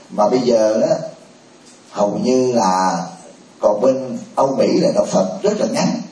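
A man's voice: mid-range voice, mellow. A man, a Buddhist monk, leading a group discussion in a casual, joking way. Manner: informal, chatty, joking asides. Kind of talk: moderating a temple discussion. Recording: roomy hall, from a distance.

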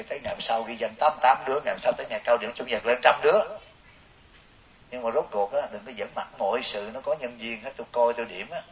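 Animated monk preaching. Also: male voice, mid-range voice. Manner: animated, joking, storytelling with quoted voices. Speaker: Buddhist monk teacher. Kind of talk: dharma talk to a lay audience. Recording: hissy distant recording.

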